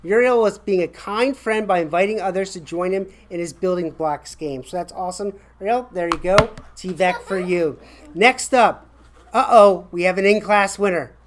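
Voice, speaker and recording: A man's voice: high voice, moderate pace, a little hiss or hum. A middle-aged American man hosts casual morning announcements for a school. He is upbeat, chatty and encouraging, speaking to a camera in a classroom. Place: small classroom, indoors.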